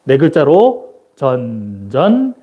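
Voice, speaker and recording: A man's voice: mid-range voice, huge pitch swings, takes it slowly, dull audio. A male preacher giving a sermon into a microphone, asking the congregation questions and then answering them himself. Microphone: handheld or stand microphone.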